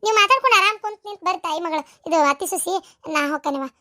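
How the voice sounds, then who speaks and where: A woman's voice: very high voice, lively intonation, very fast, pushed and bright, no echo, studio quality, exaggerated voice. A woman with a North Karnataka Kannada accent playing an anxious older village grandmother in a rural family drama, fretting and repeating her unease. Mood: uneasy.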